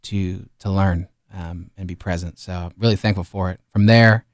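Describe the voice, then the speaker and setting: Low-pitched and speaking at normal speed, a man in his thirties originally from Liberia shares his life story as a musician guest on the radio. The echo-free interview is casual, and he's relaxed, using lots of fillers.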